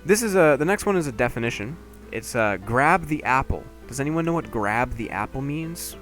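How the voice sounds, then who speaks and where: A man's voice: medium pitch, normal speed, soft background music. A young man streaming a game, chatting casually and joking with his viewers. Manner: chatty, jokey, animated.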